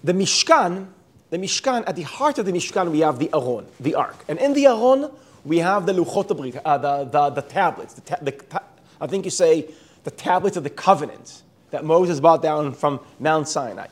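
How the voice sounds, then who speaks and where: Israeli guy w american-ish accent teaching bible, kinda high voice, restarts words a lot. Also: sing-song, normal speed. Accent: Israeli, sounding American. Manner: thinks aloud, restarts words, mixes in Hebrew terms. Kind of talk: lecture.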